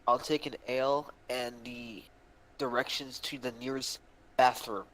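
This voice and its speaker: A man's voice: medium pitch, steady tone, a little slow, a bit bright, low-quality recording. A man playing a tabletop game, making playful jokes. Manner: jokey, playful. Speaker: player. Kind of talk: casual tabletop play.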